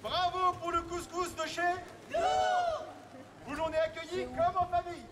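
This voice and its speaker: A man performing as a town crier, proclaiming residents' messages in a loud, drawn-out, declamatory call. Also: extremely high pitch, sing-song, very noisy, voice pushed up, full character voice. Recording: outdoor street with loud crowd. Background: busy crowd in an urban street.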